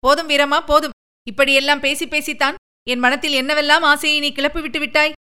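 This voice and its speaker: A woman's voice: high voice, fairly even intonation, fairly quick, sharp tone, pitched above the performer's own voice. A woman voicing a worried, lovesick young princess who speaks in a pleading, emotional way.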